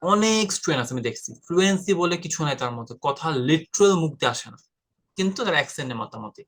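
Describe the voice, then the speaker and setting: Very fast and with lively intonation, a man from Bangladesh runs a casual IELTS lesson in a slightly bright, higher-pitched voice. He's direct and informal, referring to the viewer as "brother."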